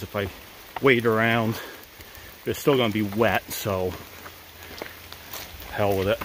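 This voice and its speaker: Older male hiker, handheld camera, low voice, laid-back and wry, faint outdoor noise behind. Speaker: thru-hiker vlogger. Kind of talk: casual trail vlog. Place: outdoors on a wet mountain trail in the woods. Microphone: handheld camera at arm's length.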